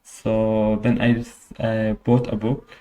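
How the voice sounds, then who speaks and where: A man's voice: on the low side, monotone, takes it slowly, mellow. A young man from Syria, a guest in an interview, speaking hesitantly with many fillers and restarts. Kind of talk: casual interview.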